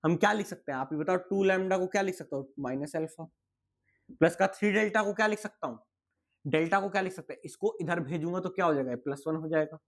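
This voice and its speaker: A man's voice: high-pitched, fast, gravelly. A young man teaching physics in a casual, chatty exam-prep lecture, asking and answering his own questions and sounding tired.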